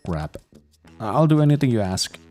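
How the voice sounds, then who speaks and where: A man's voice: medium pitch, big pitch swings, moderate pace, warm tone, soft background music, lightly acted. A man reading a clingy, frantically apologetic young woman. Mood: pleading. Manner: frantic, pleading, apologizing over and over.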